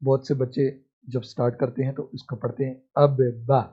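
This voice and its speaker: A man's mid-range, level voice with a breathy edge leads a Quran reading lesson. He sounds out each syllable individually and then joins them together, captured on a muffled, low-fidelity recording.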